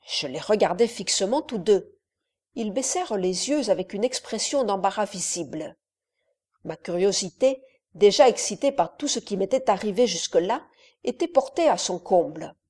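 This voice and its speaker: Woman narrating an audiobook in a mellow voice. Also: mid-range voice. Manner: measured, even storytelling.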